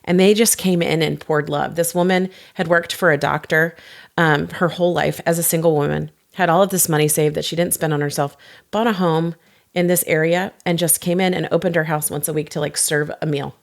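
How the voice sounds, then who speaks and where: A pastor in her forties with a low, slightly gravelly voice. She tells stories animatedly in a casual podcast chat and drops quick playful asides as she goes. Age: 40s. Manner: lively storyteller, quick laughs, animated asides. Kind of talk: podcast conversation.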